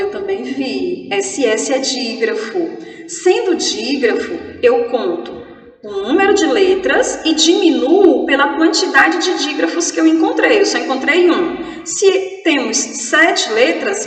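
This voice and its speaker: High-voiced Brazilian woman teaching, echoey. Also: fairly bright tone, far from the mic. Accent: Brazilian Portuguese. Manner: playful, chatty, spelling words out slowly. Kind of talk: online grammar class.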